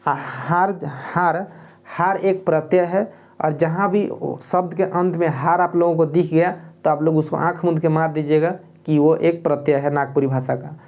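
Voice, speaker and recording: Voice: medium pitch, fairly even intonation, normal speed, darkish tone. A teacher giving an exam-prep grammar lesson, who repeats and spells out word parts and keeps checking in with "okay?" while explaining plainly.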